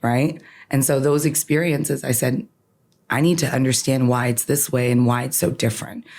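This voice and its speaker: On a podcast interview, a lawyer raised in Canada whose first language is Farsi shares personal reflections. She speaks at normal speed in a very deep, slightly mellow voice, earnestly and emphatically, frequently ending a point with "right?"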